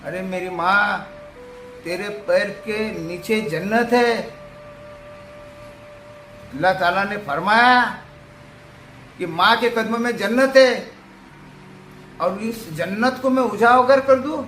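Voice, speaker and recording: A man's voice: high voice, slow, pauses often, sharp tone, echoey room, faint music behind, exaggerated voice. A man voicing an anguished grieving son. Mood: pleading. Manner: pleading, anguished. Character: devoted grown son torn with grief.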